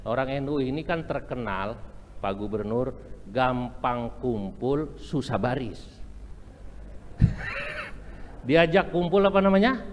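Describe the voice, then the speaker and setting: A man's voice: medium pitch, animated, measured pace. A middle-aged man from Indonesia, giving a humorous religious lecture that slips into chanted Arabic phrases. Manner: chants and sings Arabic phrases, jokes about regional accents. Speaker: Islamic preacher. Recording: echoey hall, faint room ambience.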